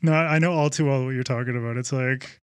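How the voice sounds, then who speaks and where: An eager man talks on a podcast, swearing now and then and quoting himself as he goes. His voice sits at an ordinary middle pitch. The sound is close and dry, with no room at all. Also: fast, smooth, no echo. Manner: excited, swears freely, quotes himself. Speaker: podcast host. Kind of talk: casual podcast chat.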